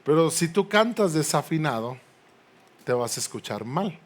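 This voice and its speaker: In a church sanctuary, a male pastor with a fairly high, sing-song voice preaches at normal speed. He builds to emphatic peaks, prompts the congregation to respond, and tosses in playful asides.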